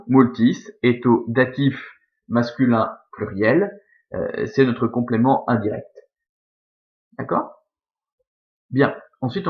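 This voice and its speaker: A man teaches Latin grammar at an even, middle pitch, walking through each point slowly and often stopping to correct himself. His speech is full of hesitations and fillers. The recording sounds a little muffled and lo-fi. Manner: explains step by step with many fillers and self-corrections. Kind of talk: recorded classroom lesson.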